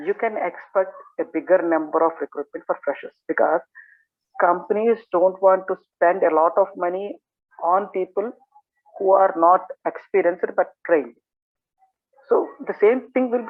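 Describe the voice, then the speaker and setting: A man from Andhra Pradesh with a Telugu Indian English accent, a native Telugu speaker, teaching in a casual live Q&A and often dropping in "okay" and "like". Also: high-pitched. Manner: repeats "okay" and "like" as verbal tics. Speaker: software trainer answering questions. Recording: tinny narrow phone-like call audio.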